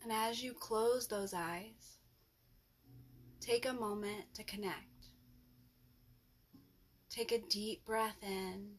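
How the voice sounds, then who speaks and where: A female instructor guides a yoga nidra relaxation, giving gentle, soothing instructions separated by long pauses. Her voice is mid-range and steady.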